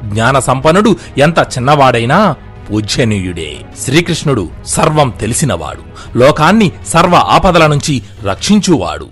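A man narrating an epic story in a dramatic, expressive way. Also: medium pitch, normal speed, faint music behind.

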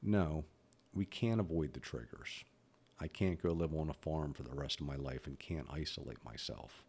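A man in his fifties with a rumbling low, darkish, husky voice talks at normal speed. He hosts a podcast and stutters, speaking bluntly and candidly about his own life in a personal, reflective monologue.

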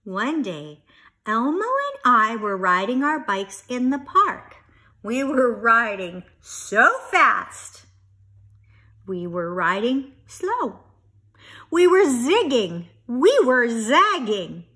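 Harry Monster, bright excitable kid monster read by a woman. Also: a little high, takes it slowly, exaggerated voice. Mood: eager, excited. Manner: emphatic, animated storytelling. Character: earnest, excitable young male monster telling his story. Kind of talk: children's storybook narration.

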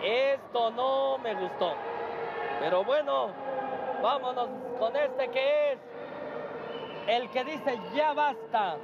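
A man with a Mexican accent calling lucha libre play-by-play as a wrestling commentator, excitable, with colourful slang and drawn-out calls. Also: very high voice. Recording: muffled, loud crowd and noise. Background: loud arena crowd.

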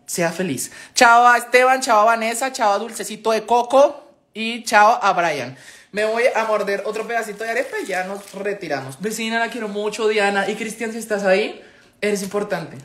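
A man's voice: high voice, normal speed, a bit bright. A young man with a Colombian accent chatting on a live stream, theatrical and gushing, swearing freely. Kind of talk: casual live stream chat.

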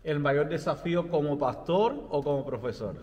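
A young adult man interviewing a guest, asking polite, measured questions. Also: on the high side, a little mellow, big-room sound, lo-fi sound. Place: studio set.

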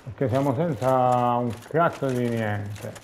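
Man, casual gameplay commentary, slow pace, noisy game ambience. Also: medium pitch, darkish tone. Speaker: video game player. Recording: clear background noise and game ambience.

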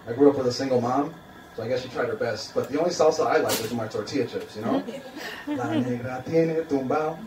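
Filmed on a phone from the crowd, this roomy, noisy clip shows a young man from Queens, New York doing dry, self-deprecating stand-up on a small café open-mic stage with a handheld mic. His medium-pitched voice is very animated and fairly quick, peppered with ums and uhs, while the audience laughs and the room hums behind him.

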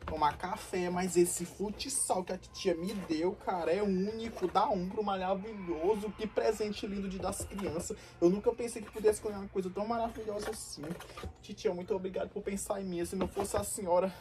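A woman's voice: mid-range voice, fairly even intonation, fairly quick, dark tone, recorded from a distance, a little hiss or hum, natural voice. A woman playing a young boy in a comedy sketch who thanks his family with overdone, mock-sincere gratitude. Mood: overjoyed. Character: young boy, sarcastically grateful.

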